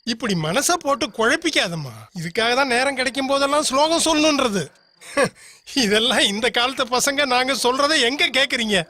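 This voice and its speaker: A man's voice: very high-pitched, expressive, normal speed, sharp tone, full character voice. A man dubbing the role of a stern, worried middle-aged father in a dubbed family film drama. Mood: reassuring. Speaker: father Kesavan, dubbed actor. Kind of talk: Tamil film dub. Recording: film soundtrack with music behind.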